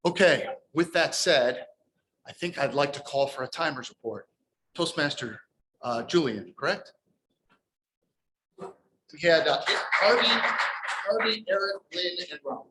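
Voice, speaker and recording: A man's slightly high voice is animated, bright and forceful, yet slow, with long pauses; the recording is rough, with slight background noise. Acting as table topics master at a speaking club meeting, he casually encourages members to share short stories and repeats words.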